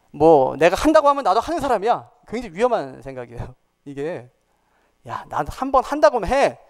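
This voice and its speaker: A man in his forties, a pastor, preaching a sermon. He asks the congregation questions and acts out the lines he quotes. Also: high-pitched. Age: 40s.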